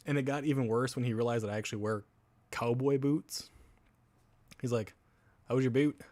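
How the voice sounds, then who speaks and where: A man's voice: mid-range voice, fairly even intonation, normal speed, darkish tone, dry recording. A man from Wisconsin with a Wisconsin accent, rambling in casual live-stream chat with viewers, laughing often and swearing casually.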